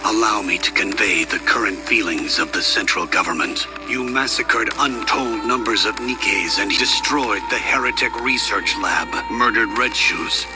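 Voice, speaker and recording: A cold, formal enforcer whose voice comes through with a metallic, robotic filter. He speaks low and gives commands without any warmth. Music plays clearly behind him, as in a game cutscene. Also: normal speed, few pauses. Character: stern adult male government enforcer.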